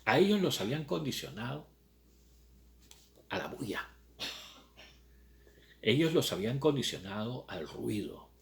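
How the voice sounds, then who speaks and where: A man's voice: mid-range voice, big pitch swings, unhurried, gravelly, pauses often. A man reading a novel aloud and commenting on it as a lecturer, often adding rhetorical tag questions. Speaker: lecturer on literature.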